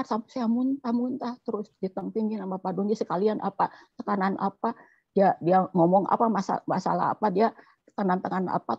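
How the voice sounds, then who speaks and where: A woman's voice: medium pitch, dark tone, slightly rough, dry recording, dull audio. A woman in an online class sharing a personal testimony, telling it in an emotional, rambling way over a video call.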